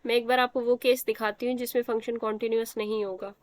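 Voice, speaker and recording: A woman's voice: on the high side, level tone, quick pace, no room sound. A young woman teaching a math class, explaining step by step and quizzing students as she goes. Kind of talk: live online math class.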